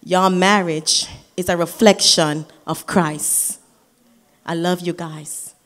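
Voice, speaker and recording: A woman giving a wedding toast as the groom's sister, preaching and building to shouted declarations in a reception hall. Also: fairly low pitch, steady tone, slow.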